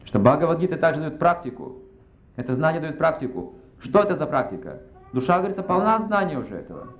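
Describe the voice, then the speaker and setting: A man's voice: a little high, big pitch swings, fast. A man giving a religious lecture, reasoning aloud and asking himself rhetorical questions. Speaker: spiritual lecturer. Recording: roomy, slightly dull recording.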